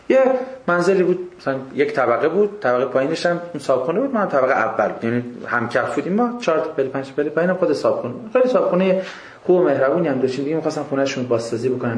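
Impassioned preacher, higher-pitched man, echoey room. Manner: impassioned, swings between hushed and raised voice; addresses listeners directly with rhetorical questions. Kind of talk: religious lecture to an audience.

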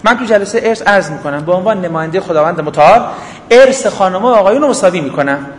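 A man's voice: high voice, lively intonation, slight background noise. A man giving a religious lecture, firing off rhetorical questions and acting out short everyday dialogues. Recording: echoey hall, faint ambience.

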